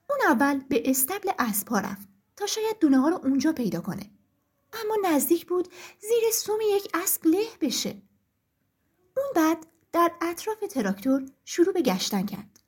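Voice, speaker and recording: A woman narrating a children's farm story in an expressive, sing-song reading style. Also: very high voice.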